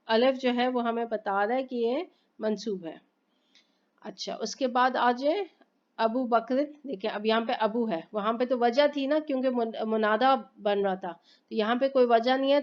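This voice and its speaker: A woman teaches grammar slowly and patiently, asking questions and then answering them herself. Her voice sits fairly high, and she recites Arabic phrases with careful deliberation. The recording sounds dull and lo-fi. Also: a little mellow. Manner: patient, repeats points and asks herself questions. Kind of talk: slow explanatory lesson.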